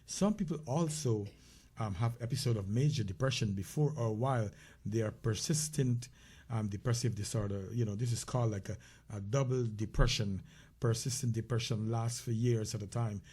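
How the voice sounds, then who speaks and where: Co-hosting a casual health talk show, a man with a Caribbean English accent speaks at a moderate pace in a warm, medium-pitched voice with a breathy edge. His talk is conversational, full of fillers and restarts.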